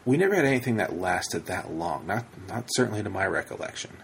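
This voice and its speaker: A man in his thirties with a gravelly, creaky voice pitched on the low side, hosting a relaxed podcast conversation. He wanders through his points with restarts and asides before landing on a question. Faint background noise sits under the talk. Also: fast talker. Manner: rambling, with many restarts and asides. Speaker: podcast host. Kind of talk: casual conversational interview.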